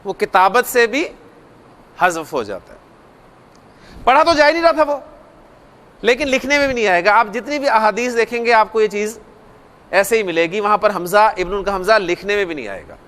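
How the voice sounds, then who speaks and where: A man's voice: sits high, animated, moderate pace, pauses often, a bit bright. A man teaching Arabic grammar in a lecture, explaining step by step, repeating key points and putting questions to the class.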